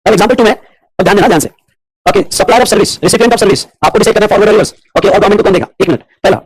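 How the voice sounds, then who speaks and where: Fast-talking, husky male teacher. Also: high-pitched. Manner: rapid mix of Hindi and English, constantly checking whether students follow. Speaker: commerce teacher. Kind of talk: classroom lecture on tax law. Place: classroom with students.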